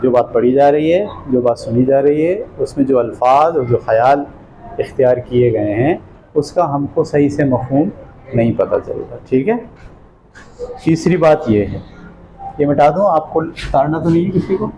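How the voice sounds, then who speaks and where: Over a rough recording with slight hiss or hum, a man's mellow, medium-pitched voice leads a classroom lecture. He breaks down vocabulary word by word and keeps checking that listeners follow.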